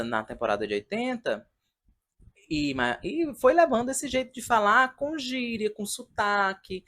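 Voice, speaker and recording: A man's voice: fairly high pitch, fairly bright tone, husky. A man in his thirties giving a casual, chatty and sentimental review in a vlog, talking in front of a decorated wall at home. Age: 30s. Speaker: video reviewer of a comedy show.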